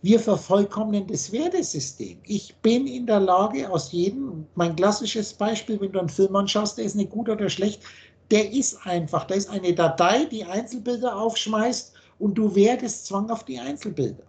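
A man's voice: high voice, moderate pace, darkish tone. A man teaching in a video call, blunt and preachy, firing off rhetorical questions. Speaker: spiritual teacher.

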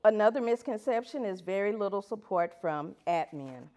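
A woman's voice: medium pitch, animated, normal speed, darkish tone. A woman teacher giving a prepared talk at an education event, earnest and putting rhetorical questions to the audience. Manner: reads from prepared pages. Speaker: elementary school teacher.

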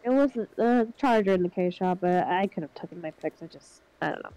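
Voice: medium pitch, expressive, fairly quick, dark tone, smooth, no echo, poor audio. Hesitant gamer chatting with the team. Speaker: player in a team video game match. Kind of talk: casual chat with teammates during an online game.

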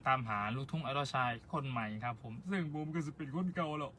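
Bright-voiced young man with Isan accent. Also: mid-range voice, quick pace, a little hiss or hum. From Central Thailand. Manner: playful, jokey, polite ending particles. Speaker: livestream host. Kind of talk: casual livestream chat.

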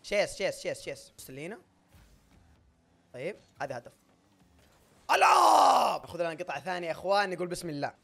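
Rapid-fire excitable gamer guy. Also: on the high side. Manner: loud, shouting and laughing at his own plays. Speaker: gaming YouTuber. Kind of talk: excitable gameplay commentary.

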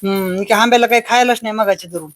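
A woman's voice: medium pitch, fast. A woman, chatting casually with a child on camera, coaxing, fussing over him and scolding him. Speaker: vlogger. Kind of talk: casual family chat.

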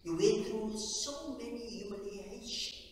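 A South African lay preacher leads a communion service in a large, echoey church hall, halting, repeating words and often restarting. His fervent loud peaks fall into quiet low stretches, and the recording comes from far off with a faint hiss.

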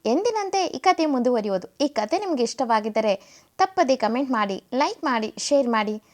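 A woman's voice: a little high, expressive, moderate pace. A woman narrating a serialized family story, reading plainly with small shifts of voice for the characters' lines. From India.

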